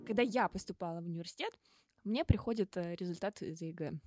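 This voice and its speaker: A woman's voice: on the low side, fast talker, music in the background. A woman of twenty-one co-hosting a podcast, telling stories in casual chat with lots of fillers. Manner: chatty storyteller, many fillers. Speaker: podcast co-host.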